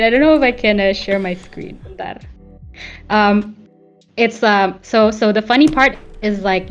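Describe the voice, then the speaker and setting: A young woman chats casually as a podcast co-host, laughing often and sliding between English and Indonesian. Her voice sits at a middle pitch. The stream audio is a little dull and lo-fi, with faint music underneath. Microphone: webcam stream setup.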